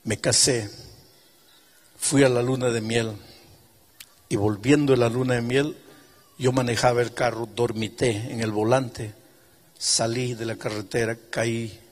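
A preacher voicing a broken, remorseful former drunk. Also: male voice, mid-range voice, fairly even intonation, unhurried, pauses often, big-room sound, pitched below the performer's own voice, lightly acted. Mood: sorrowful. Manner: quiet, pleading, remorseful. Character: grieving, humbled former drunkard man.

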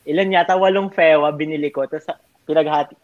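A young man chats casually with college friends, telling rambling anecdotes packed with fillers and laughs. His voice is a little high with fairly even intonation, and he talks fast. The recording sounds dull and lo-fi.

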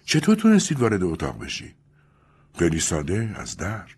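Listen to a bitter, wronged rich man who questions and accuses in a deep, husky voice, as a narrator puts him on. His lines rise and fall with feeling. He comes from a storybook reading. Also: wildly swooping pitch, a little mellow, full character voice. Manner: stern, accusing. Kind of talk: audiobook character reading.

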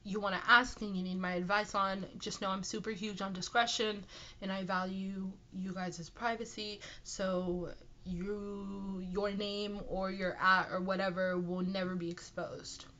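A woman's voice: mid-range voice, level tone, a little slow, pushed and bright, muffled recording. Nasal, congested young woman chatting casually. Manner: apologetic, self-deprecating, rambling. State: sick with a stuffy nose. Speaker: podcast host and aspiring author. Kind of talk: casual solo chat answering listener questions.

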